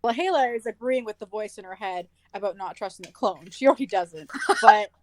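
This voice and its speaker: A woman's voice: mid-range voice, brisk. A woman playing in a tabletop role-playing game, talking about her character in a cheerful, giggly way. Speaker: player. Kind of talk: casual tabletop role-play chat.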